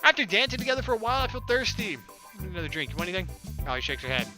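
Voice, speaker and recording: Racing along in a high, sing-song voice, a man reads through a visual novel for his gaming video. He keeps it informal and acts out each line of dialogue, with game music behind him.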